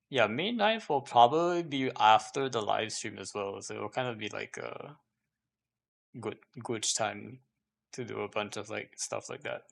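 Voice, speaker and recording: This live streamer has a creaky, mid-range voice. He chats casually, rambling and hesitating as he thinks out loud, and circles back to the same points again and again.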